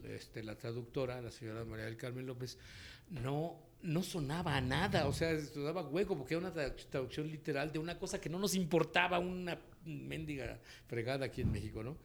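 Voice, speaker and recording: A man with a Mexican accent, a voice actor and dubbing director, telling stories in an interview and acting out the quotes. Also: mid-range voice. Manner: animated storyteller, acts out quotes, laughs often. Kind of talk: relaxed interview storytelling.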